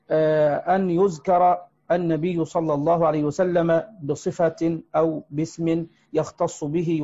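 A man teaching a religious lesson, explaining a text step by step with frequent hesitant pauses. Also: a little high, mellow. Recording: muffled lo-fi recording.

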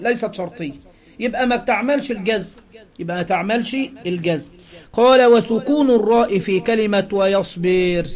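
A man with an Egyptian accent teaching a lesson, often pausing to quiz his listeners with short questions. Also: sits high, lo-fi sound. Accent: Egyptian Arabic. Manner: keeps checking understanding with quick questions. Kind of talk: explaining a Quran recitation lesson.

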